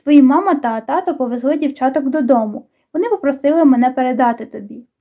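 A woman voicing a brooding teenage boy with a soft-spoken, dry manner, reading audiobook dialogue. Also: sits high, fast talker. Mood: tender.

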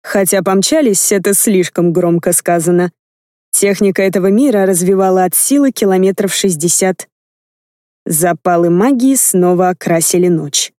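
A woman reading a first-person fantasy audiobook with lively, expressive narration. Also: lowish voice, moderate pace, no echo, studio quality. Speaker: audiobook reader.

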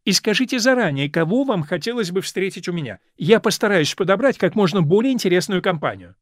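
A man's voice: high-pitched, expressive, a little fast, no echo, clean studio sound, voice pushed up. A man reading aloud and voicing a chatty, meddling older society lady who plays matchmaker, in a fussy, teasing manner. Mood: cheerful.

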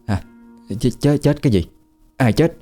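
A man's voice: sits low, fairly quick, warm tone, faint music behind, lightly acted. A man voicing an anxious, bossy old village wife, firing off fretting questions.

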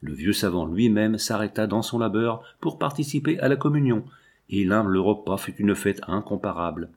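Low-voiced man reading a novel. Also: expressive, moderate pace, darkish tone, breathy edge. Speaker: audiobook reader. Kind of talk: scripted narration of a novel.

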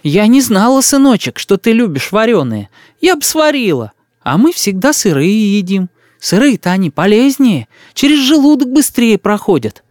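A kindly old country woman, as a man puts her on, fussing in a lilting, folksy way. Her pitch is raised and moves a lot. The recording is dry and close. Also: sing-song, normal speed, a little mellow, no echo. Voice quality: soothing, sing-song folksy speech.

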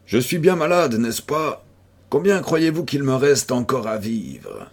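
A sickly, brooding young recluse, voiced by a man reading aloud, weary and bitterly ironic. The voice is husky and unhurried, each phrase dragged out slowly. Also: medium pitch, sing-song, heavily acted. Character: feverish, melancholic young male recluse, bitter.

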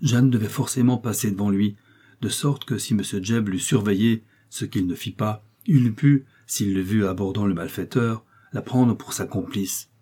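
A man reading a classic novel aloud as an audiobook, in a measured storytelling manner. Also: on the low side, mellow, husky. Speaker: audiobook reader. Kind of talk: literary audiobook narration.

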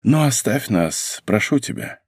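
A man's voice: medium pitch, lively intonation, unhurried, darkish tone, breathy edge, no echo, clean studio sound. A man voicing a proud English duke who speaks with haughty command and later grows faint and weak. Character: proud English duke, imperious then dying.

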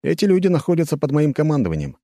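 A man's voice: fairly high pitch, very animated, very fast, warm tone, no room sound, clean studio sound, voice pushed up. A man voicing a young male prince who gives curt, authoritative orders in an audiobook. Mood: commanding.

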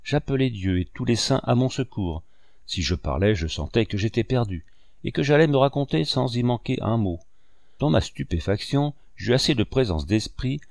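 A man with a low voice reads a classic novel aloud in measured, expressive first-person narration. The sound is close and dry, with no room around it. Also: vocal fry, dry recording. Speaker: audiobook narrator. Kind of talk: literary audiobook narration.

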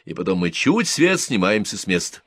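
Composed lieutenant, dry and measured, lowish voice, from a male reader. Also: sing-song, fairly bright tone, no echo. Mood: calm. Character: calm, dry army lieutenant, adult man.

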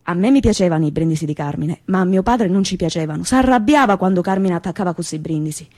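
An actress with a Calabrian accent playing a young woman from Reggio, telling her memories in a lively, colloquial theatrical monologue. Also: fairly low pitch, fast, no echo, clean studio sound. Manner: lively storytelling, repetitive and colloquial.

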